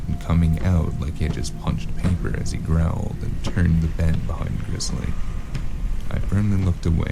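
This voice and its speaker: Man acting a deep, gravelly noir detective narrator. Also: full character voice. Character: gruff, wry noir loner stranger narrating his story. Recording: music behind the voice.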